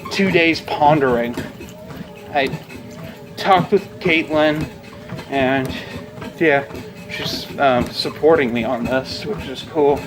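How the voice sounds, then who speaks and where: A man's voice: fairly high pitch, poor audio. A man talking in a casual rant vlog, venting with frustration and frequent swearing. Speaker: vlogger.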